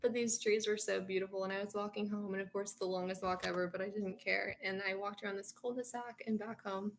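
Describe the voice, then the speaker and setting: A woman's voice: mid-range voice, steady tone, brisk, slight background noise. Dreamy, rambling American woman. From United States. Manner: dreamy, meandering, many fillers and "like". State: sleepy. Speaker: vlogger. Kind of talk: rambling personal storytelling.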